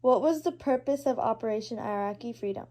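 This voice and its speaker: Woman interviewing her uncle at his place, mellow and fairly high, reads her questions kinda formal. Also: a little fast. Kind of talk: reading prepared interview questions. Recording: poor quality home recording.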